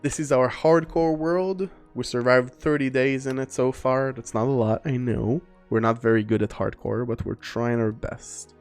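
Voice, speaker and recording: Male game streamer, casual rambling commentary, mid-pitched, reads chat aloud, faint music underneath. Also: fairly even intonation, normal speed, few pauses, clear, resonant tone. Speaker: gaming streamer. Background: faint background music.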